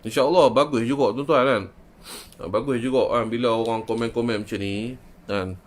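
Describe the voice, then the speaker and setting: A man's voice: medium pitch, steady tone, normal speed. A man with a northern Malaysian accent, a traditional Islamic healer talking to viewers on a live stream. He keeps asking rhetorical questions and addresses his listeners directly. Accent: northern Malaysian Malay (Kedah).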